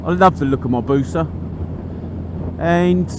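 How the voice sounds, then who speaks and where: A man's voice: on the high side, measured pace. A middle-aged man, rambling casually and thoughtfully as he vlogs from a moving motorcycle. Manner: musing, chatty, colloquial. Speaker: motorcycle vlogger. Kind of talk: casual rambling commentary while riding. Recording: loud engine and road noise. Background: engine, traffic and road noise.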